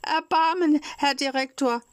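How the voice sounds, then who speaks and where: A woman voicing a small wooden puppet boy who pleads in a high voice. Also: expressive, normal speed, a bit bright, dry recording, clean studio sound, natural voice. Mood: pleading.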